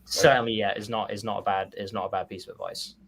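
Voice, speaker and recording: A man co-hosting a casual panel review of writing, relaxed and hedging, with frequent fillers and restarts. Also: on the low side, fast, slight background noise. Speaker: co-host reviewing copywriting.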